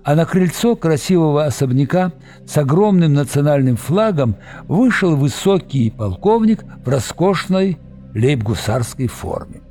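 A man narrating a novel as an audiobook with expressive storytelling. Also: on the high side, a little slow, faint music behind.

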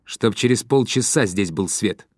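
A man's voice: lowish voice, a little slow, darkish tone, no echo, clean studio sound. A man reading an audiobook voices a middle-aged male chief who gives curt, authoritative orders. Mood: brisk commanding.

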